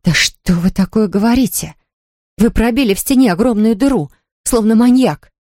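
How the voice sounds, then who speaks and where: In a dry, close studio recording, a narrator plays a distraught middle-aged woman near hysterics over her ruined house, with an overwrought mood. The voice is mid-range and a little mellow at normal speed, natural but pitched above the performer's own. There's no echo.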